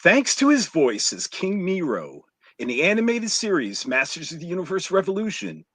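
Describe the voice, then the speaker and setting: Husky man reading a jokey countdown. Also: sits high, wildly swooping pitch, a bit bright, dry recording. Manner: jokey, reads list items with dramatic pauses. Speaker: podcast co-host reading a countdown list. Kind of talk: casual live-stream chat, reading a top ten list.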